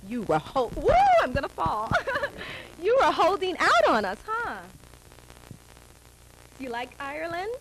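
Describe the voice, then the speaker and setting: A woman from New York hosting a children's show, chatting with kids in a lively, encouraging way and laughing often. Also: high-pitched, measured pace, long pauses, background noise. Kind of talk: casual chat with children.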